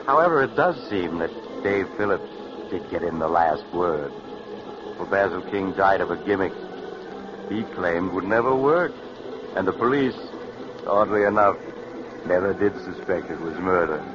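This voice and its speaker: An actor playing a wry, macabre traveler who hosts 1940s radio horror tales with sly, genial menace. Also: male voice, deep voice, lively intonation, normal speed, pauses often. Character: wry, macabre, mysterious male traveler storyteller on a train. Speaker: host. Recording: noisy, muffled vintage radio recording.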